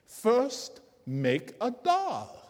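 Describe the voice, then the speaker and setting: A man voicing a young girl with a high, childlike voice, in a told folk tale. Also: wildly swooping pitch, drawn-out words, darkish tone, exaggerated voice. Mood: bright. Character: young girl, cheerful daughter. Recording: long hall reverb.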